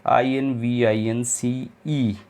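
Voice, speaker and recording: Male teacher, slow and gravelly, spells words out letter by letter in an exam-prep lecture. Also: mid-range voice, flat delivery, darkish tone. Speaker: English teacher.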